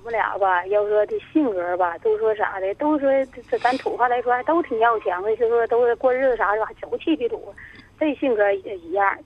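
A woman in her fifties with a voice on the high side phones in to a radio show to tell her troubles. She halts, rambles, and stumbles over words, and the dry phone line sounds tinny.

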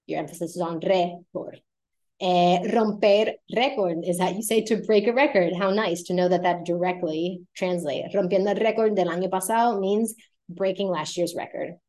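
A woman's voice: fairly low pitch, warm tone. A woman with a Puerto Rican Spanish accent teaching Spanish in a casual podcast lesson, explaining phrases and stretching words out for emphasis.

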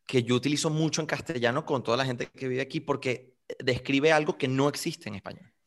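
A man's voice: medium pitch, brisk. A man who teaches violin, chatting casually and explaining words with acted-out little scenes. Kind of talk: casual chat.

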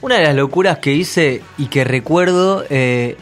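An Argentine man hosting a radio show, telling anecdotes with animation. His voice is on the higher side for a man, and faint music sits under the studio talk. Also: unhurried. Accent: Argentine Spanish. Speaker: radio host. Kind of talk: casual chat.

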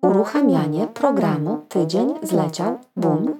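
A woman reads a deadpan, official-sounding announcement in a robot voice that glitches, slowing and dropping in pitch like a crashing system. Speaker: announcer of a satirical intro jingle. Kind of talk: scripted satirical announcement. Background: loud guitar and keyboard music.

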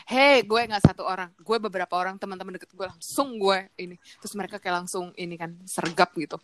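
A woman's voice: medium pitch, steady tone, fast talker, fairly bright tone. A young woman telling a rambling story in casual chat, laughing between filler words.

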